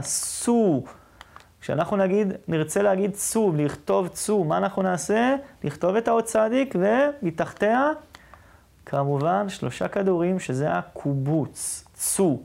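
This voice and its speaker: A woman teacher giving a reading lesson to children, patiently checking in with her listeners and slowly drawing out single syllables. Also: medium pitch, gravelly, darkish tone. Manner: patient, asks the class often whether they follow; drawn-out sounding of single syllables.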